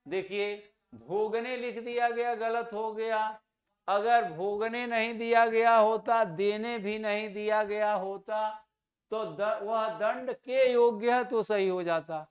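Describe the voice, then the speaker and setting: A man teaching a Hindi grammar lesson for exam students, who asks questions and answers them himself and repeats key words slowly to stress their correct pronunciation. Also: high voice, fairly even intonation.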